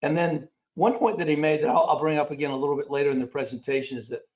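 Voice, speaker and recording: A man with a raspy voice giving a conference presentation, pausing often with fillers as he reads statistics off his slides. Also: on the high side, fairly even intonation, a little mellow. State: raspy after illness. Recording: dull lo-fi recording.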